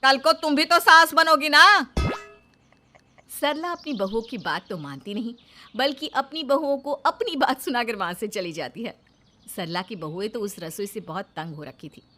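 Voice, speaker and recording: Woman narrator, storytelling, bright voice, lively pitch. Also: moderate pace.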